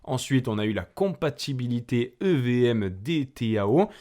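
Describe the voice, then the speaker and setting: A man's voice: medium pitch, lively intonation, normal speed, mellow. Chatty French man explaining charts. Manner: chatty, addresses viewer as "tu", walks through charts. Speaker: crypto channel host. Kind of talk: casual market commentary to camera.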